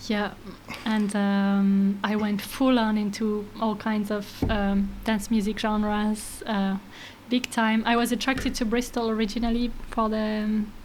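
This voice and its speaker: A woman's voice: mid-range voice, level tone, measured pace, few pauses, darkish tone, a little hiss or hum, low-quality recording. Giggly woman sound artist, hesitant. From France and Greece. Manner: laughs often, many hesitations. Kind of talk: casual interview chat.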